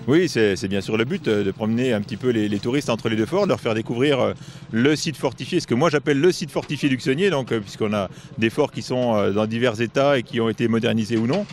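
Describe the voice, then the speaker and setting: Outdoors in a forest, a man from a heritage association answers interview questions, explaining the site steadily though with many filler hesitations. He has a mid-range voice and talks fast, with slight background noise.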